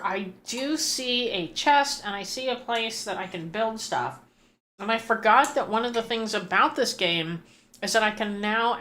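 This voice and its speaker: A woman's voice: fairly high pitch, a bit bright. A woman chatting casually on a gaming livestream, greeting and thanking her viewers as she plays. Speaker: game streamer.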